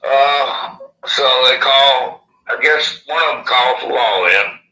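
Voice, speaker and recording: An interviewee with a lisp and slushy s sounds from missing upper teeth recounts a first-hand story in a casual, folksy, plain-spoken, rambling way. His medium-pitched voice is slow, pushed, and bright, captured in a rough recording with a roomy sound.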